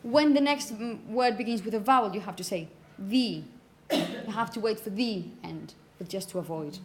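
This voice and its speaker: This woman speaks at a medium pitch and a moderate pace while teaching phonetics to a class. She explains and emphasizes example words, stopping frequently to ask check-in questions. The indoor classroom recording is echoey, with background noise.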